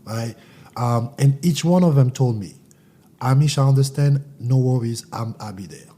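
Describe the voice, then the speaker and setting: A man from Central Africa who was raised in France speaks as a guest in a casual interview, candid and reflective, often restarting his sentences. His voice is medium-pitched and mellow, at a moderate pace.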